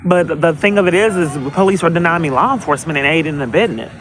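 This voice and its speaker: A woman with a low voice races through her plea for help on a call to the police. Her speech is insistent and repetitive, she tends to cut across the other person, and there's slight background noise.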